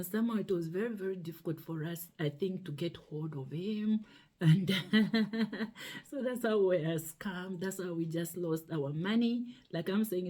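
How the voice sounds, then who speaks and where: A woman's voice: lowish voice, dark tone, slightly rough. A middle-aged woman from Zambia, a nurse, telling a personal story in a chatty, hesitant way with many fillers. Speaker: nurse sharing her story. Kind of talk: casual storytelling vlog.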